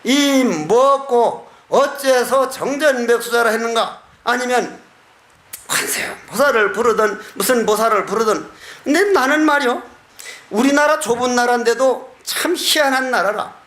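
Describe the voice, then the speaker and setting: A Buddhist monk with a very high voice gives a sermon in an echoey hall. He speaks in a folksy, joking way and chuckles often. He stretches some phrases into slow chants. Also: a bit bright. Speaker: Buddhist monk giving a dharma talk.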